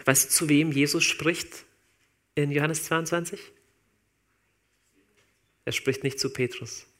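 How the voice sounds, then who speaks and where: A man preaching a sermon in a relaxed, informal way, talking straight to his listeners. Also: fairly high pitch, slow pace. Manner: conversational, informal, addresses listeners directly.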